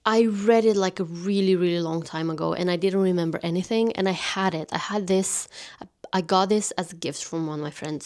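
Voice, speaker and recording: Soft lower-voiced woman, 30s, chatting books into a stand mic, slips into whispers sometimes. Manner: gentle, intimate, dips into whispers. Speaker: channel host. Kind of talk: soft-spoken book chat. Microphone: thin mic on a stand.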